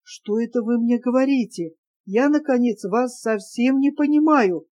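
A young woman torn between hurt and disbelief, pleading question after question, as a woman reads her aloud. The voice is mellow and soft-toned, sitting fairly high. It belongs to a spoken audiobook. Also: unhurried, lightly acted. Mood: flustered. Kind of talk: audiobook character reading.

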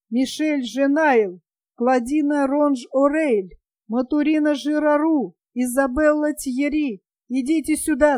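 Brief: a woman playing a rough, bawling beggar king, loud and raised in pitch. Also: no echo. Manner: bawling, auctioneer-like.

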